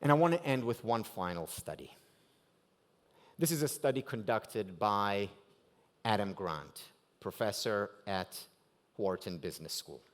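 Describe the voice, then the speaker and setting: Delivering a motivational keynote in a gala dinner's banquet hall, a man with an Israeli accent, native in Hebrew, speaks in a lowish voice at a measured pace, leaving long pauses. His intonation is lively, swinging up and down strongly as he asks rhetorical questions and stresses key words.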